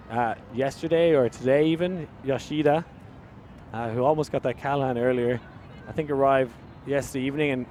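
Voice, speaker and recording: A man with an Irish accent doing live sports commentary. His voice lifts on big plays, and he chats along with fillers in between. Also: a little hiss or hum. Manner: rises in pitch and volume on big plays, chatty with fillers.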